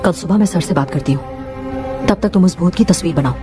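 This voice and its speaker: A woman acting in a comic sketch, calm and reassuring. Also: on the low side, fast. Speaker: woman playing a helper and a mother. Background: music.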